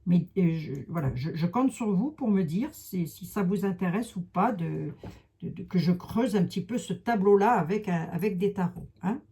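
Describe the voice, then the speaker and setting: A woman's voice: on the low side, lively intonation, moderate pace, dark tone, slightly rough. A woman with a Lorraine accent doing a rambling, chatty tarot and oracle card reading for her viewers, full of hesitations and asides. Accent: Lorraine French.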